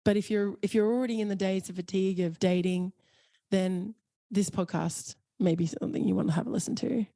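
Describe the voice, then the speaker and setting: A woman's voice: mid-range voice, fairly even intonation, a little fast, warm tone, no room sound, clean studio sound. A woman hosting a podcast interview in an earnest, conversational way, with hesitant fillers. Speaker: podcast host.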